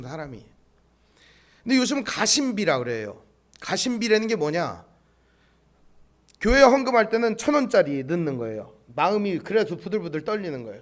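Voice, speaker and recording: A male pastor preaching a sermon, telling stories with animated delivery and firing rhetorical questions at the congregation. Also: high-pitched. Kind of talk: sermon with storytelling.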